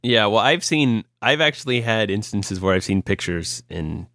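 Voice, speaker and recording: A man's voice: fairly low pitch, lively intonation, moderate pace, a bit bright, dry recording, studio quality. A young man from Ohio co-hosting a podcast, telling stories in a casual, rambling way with lots of fillers and restarts. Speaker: podcast co-host. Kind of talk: casual chat.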